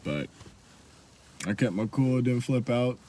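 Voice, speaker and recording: A man's voice: mid-range voice, expressive, slow, warm tone, slight background noise. A young man casually recounting a story about an old job, blunt and profane. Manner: blunt, profane, laid-back retelling. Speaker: storyteller vlogger.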